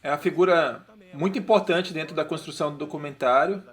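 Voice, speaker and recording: Male filmmaker, higher-pitched voice, easygoing scene-by-scene commentary. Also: brisk. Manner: relaxed, descriptive, hesitant restarts. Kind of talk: film commentary track.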